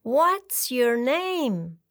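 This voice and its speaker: A woman voicing a kindly princess who speaks English phrases very slowly in a children's story. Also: very high-pitched, sing-song, sharp tone, no echo, clean studio sound, pitched above the performer's own voice, full character voice. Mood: friendly. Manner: very slow, careful English phrases.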